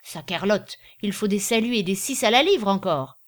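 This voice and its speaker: A woman voicing a boisterous male traveling salesman, speaking in a loud, declamatory way. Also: mid-range voice, expressive, moderate pace, lightly acted. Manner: bombastic, declamatory.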